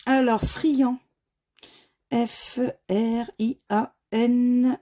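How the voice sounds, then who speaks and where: A woman from France commenting as she scratches lottery tickets, spelling out letters one by one in a slightly hoarse voice. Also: fairly high pitch, level tone, extremely slow, mellow. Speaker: scratch-card video host. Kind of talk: casual scratch-card commentary.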